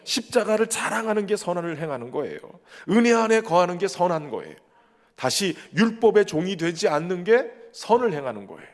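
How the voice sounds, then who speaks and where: A man's voice: high-pitched, big pitch swings, fairly quick, in a large hall. A man preaching a sermon as pastor, earnest and emphatic, who keeps addressing the congregation directly.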